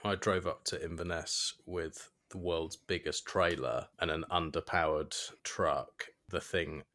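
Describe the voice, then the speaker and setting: A deep-voiced man in casual podcast chat. He tells his stories with a lively, exasperated energy, swearing for emphasis and breaking into laughter. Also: measured pace. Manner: animated storyteller, swears for emphasis, laughs often. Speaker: podcast co-host.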